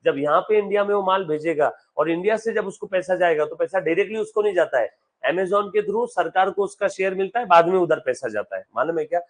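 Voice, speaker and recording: High-voiced man teaching a class. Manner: quizzes students, calls them beta; reads English text slowly, explains in Hindi. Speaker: accountancy teacher. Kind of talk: live classroom lecture. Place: classroom with students.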